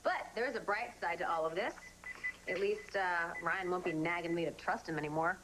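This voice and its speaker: An actress playing a sharp-tongued, scheming young woman who talks in a sarcastic, biting way. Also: lowish voice, fairly quick, noisy background, close to an everyday voice. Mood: spiteful. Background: background music.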